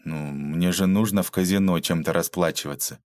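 A man's voice: sits low, fairly quick, no room sound, lightly acted. A man reading an audiobook aloud, voicing a sullen young man in debt who grumbles and panics.

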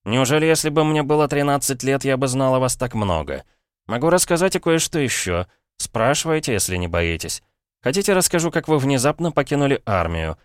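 A man's voice: mid-range voice, lively intonation, fairly quick, no room sound, studio quality, pitched above the performer's own voice, lightly acted. A man doing a desperate old man in a boy's body. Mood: accusing. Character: elderly man trapped in a schoolboy's body, desperate and indignant. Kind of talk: audiobook character reading.

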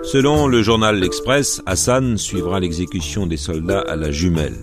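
A man's voice: low-pitched, moderate pace, music in the background. A man narrating a radio history program from a script, with wry, ironic commentary.

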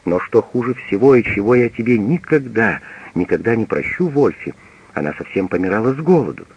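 A man putting on a bitter old servant woman who accuses bluntly and without restraint. Her voice runs low and husky with wide swings of pitch. The recording sounds dull and lo-fi, like old radio. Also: lively intonation, a little fast. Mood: accusing.

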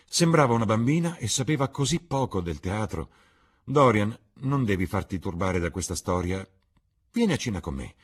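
A man with a husky voice voicing a worldly, cynical gentleman in an audiobook reading, speaking gravely and coaxingly. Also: on the low side, pitched above the performer's own voice, exaggerated voice. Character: worldly, cynical older gentleman, calm and persuasive.

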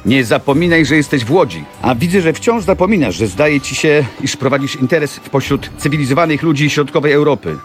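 A man voicing an impatient, cynical young factory manager who speaks briskly, in an audiobook reading of a classic novel. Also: a little high, lively intonation, faint music behind, voice pushed up, lightly acted. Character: cool, pragmatic young male factory manager.

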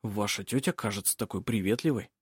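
A man voicing a smitten young man who talks softly and quietly. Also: medium pitch, moderate pace, slightly rough, dry recording, clean studio sound, close to an everyday voice.

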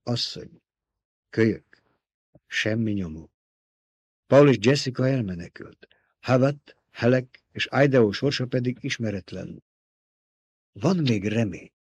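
A man's voice: darkish tone, husky. A man reading a novel aloud as an audiobook, lifting his voice for the characters' lines. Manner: voices characters by raising pitch and volume in dialogue. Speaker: audiobook narrator.

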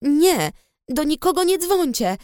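A woman's voice: sits high, sing-song, measured pace, a little mellow, no room sound, clean studio sound, voice pushed up. A woman reading the lines of a frightened, stubborn teenage girl who rides a dragon, urgent and pleading.

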